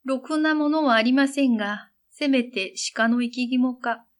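A woman's voice: high voice, measured pace. A woman reading a storybook, voicing a sly, wicked goblin spider who greets a guest with fawning politeness. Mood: falsely welcoming.

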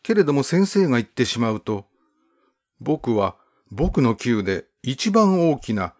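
A man reading a first-person literary story aloud in a measured, gently expressive storybook narration. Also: mid-range voice. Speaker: audiobook narrator.

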